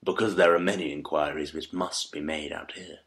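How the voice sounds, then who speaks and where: An actor playing a keen, analytical detective in a dramatised audiobook, speaking articulately and emphatically in formal period diction. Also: male voice, rumbling low, fairly even intonation, moderate pace, a bit bright. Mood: calm, confiding. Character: Sherlock Holmes, keen analytical male detective recounting a case.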